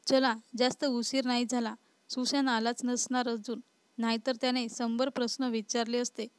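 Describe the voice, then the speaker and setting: एका स्त्रीने साकारलेली हट्टी तरुण पत्नी. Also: female voice, a little high, little pitch movement, moderate pace, clean tone, no room sound, lightly acted. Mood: surprised. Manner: defiant, retorting. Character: stubborn, spirited young wife. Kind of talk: storybook reading.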